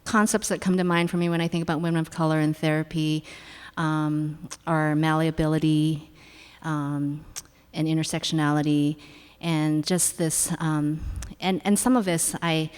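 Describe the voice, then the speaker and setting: A woman's voice: sits low, level tone, normal speed, a little mellow, smooth. A woman psychologist speaking thoughtfully and reflectively on a panel, with some fillers. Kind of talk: panel discussion talk. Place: university lecture hall. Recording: long hall reverb.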